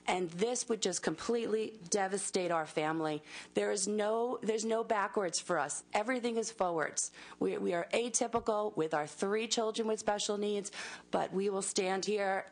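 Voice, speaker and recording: A woman, a mother, giving earnest public testimony at a hearing, pleading with halting restarts. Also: mid-range voice.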